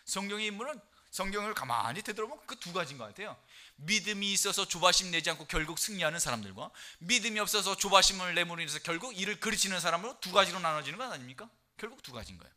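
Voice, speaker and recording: A middle-aged male pastor preaching a sermon, animated and emphatic, reading scripture loudly and dropping low for key points. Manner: animated preaching, quick and emphatic, rising loud for scripture quotes; drops to low soft tones for key points.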